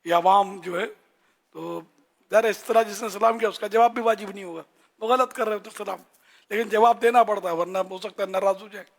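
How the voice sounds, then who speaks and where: Older man with a gravelly Pakistani Urdu voice. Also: sits high, fairly even intonation. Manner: conversational teaching, demonstrates phrases slowly. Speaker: religious scholar. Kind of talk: religious talk to an audience.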